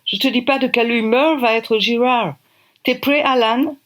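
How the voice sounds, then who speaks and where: A woman's voice: fairly high pitch, steady tone, fairly bright tone, voice pushed up, lightly acted. Woman doing an impatient English film director. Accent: attempted English accent. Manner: impatient, hurried. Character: impatient middle-aged male film director.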